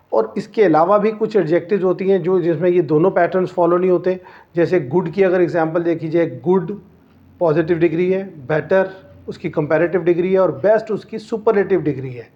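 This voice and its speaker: A man teaching English grammar to students, explaining step by step and answering his own questions. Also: high voice. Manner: slows down and stretches out the English example sentences. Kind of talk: classroom-style grammar lesson. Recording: dull lo-fi recording.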